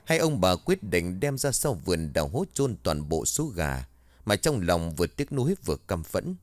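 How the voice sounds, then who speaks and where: A man narrating a scripted village ghost story in an expressive storytelling manner. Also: low voice, moderate pace, dry recording.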